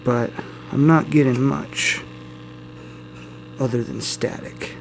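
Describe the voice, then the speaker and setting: The man here has a medium-pitched, creaky voice and takes things slowly, captured in a low-quality recording. As a hobbyist video host, he demonstrates something hands-on in a casual, informal way, rambling somewhat and being self-deprecating. Steady mains hum and room noise persist, with electrical hum and faint static behind him.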